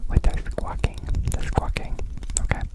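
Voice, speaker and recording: Male ASMR host, fully whispered and unvoiced, rambling with soft repetition of words. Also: normal speed. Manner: softly repeats words and phrases.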